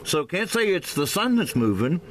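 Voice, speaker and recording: This man, an amateur vlogger, explains something to the camera indoors near a window at home, his very animated, fairly high voice a bit slurred from a swollen mouth. He hesitates and keeps repeating himself. It's a noisy recording made on a handheld camera's microphone.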